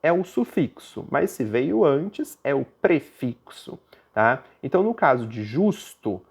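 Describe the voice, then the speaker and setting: Brazilian teacher who keeps checking understanding. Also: male voice, sing-song, a little slow, creaky, breathy edge. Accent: Brazilian Portuguese. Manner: explanatory, often asks listeners to confirm they follow; puts on a student's objection in a higher voice. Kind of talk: recorded grammar lesson.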